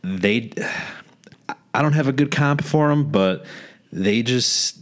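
A man's voice: medium pitch, slow pace. A man co-hosting a podcast in casual chat, easygoing and storytelling, often searching for the right words. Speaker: podcast co-host.

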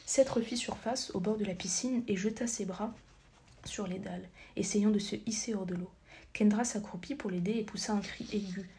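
Woman narrating in a soft half-whisper. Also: medium pitch, steady tone, moderate pace. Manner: soft, half-whispered, occasional slips and corrections. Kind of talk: whispered audiobook reading.

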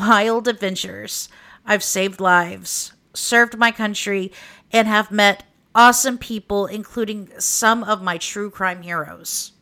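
A woman of about forty with a mid-range voice and a sharp tone hosts a true crime podcast. She's from Oklahoma and has an Okie accent, delivering a candid, informal, wry personal monologue.

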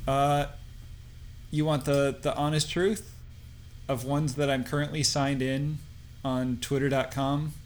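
A man's voice: mid-range voice, level tone, unhurried, pauses often, a little hiss or hum. A man co-hosting a podcast in casual comedic chat, wry and playfully teasing. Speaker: podcast co-host.

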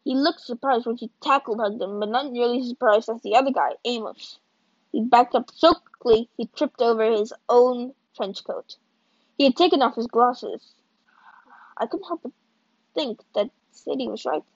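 A woman reads a novel aloud at a steady storytelling pace, her voice sitting a little high. The sound is close and dry with no room echo, and the recording is dull and lo-fi. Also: moderate pace. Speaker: audiobook reader.

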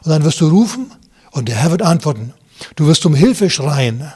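A man preaching as pastor, his voice husky and set a little high. He reads scripture aloud verse by verse and stops to explain it. He keeps turning to the congregation with direct asides and rhetorical questions. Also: very animated, moderate pace, a little mellow. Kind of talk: sermon.

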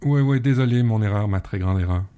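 A man's voice: fairly low pitch, brisk, dark tone. A male podcast co-host chatting casually and introducing a clip in an easygoing way. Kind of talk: casual chat.

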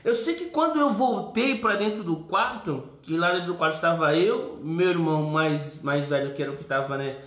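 Man, Brazilian Portuguese accent, animated testimony, high bright voice. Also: moderate pace, few pauses. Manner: animated, acts out voices, addresses listeners as brothers. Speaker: storyteller giving testimony. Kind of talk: casual testimony storytelling. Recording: roomy echo.

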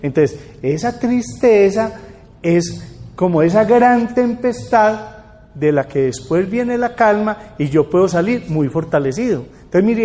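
Older male lecturer, high-pitched, lively and chatty, reverberant hall. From Colombia. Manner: lively, asks the audience rhetorical questions. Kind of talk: public talk to an audience.

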